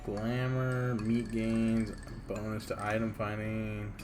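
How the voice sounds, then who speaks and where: A man's voice: lowish voice, monotone, slow pace. Man narrating a game playthrough. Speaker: gamer reading a game aloud. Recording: music playing behind the voice. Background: game music with guitar.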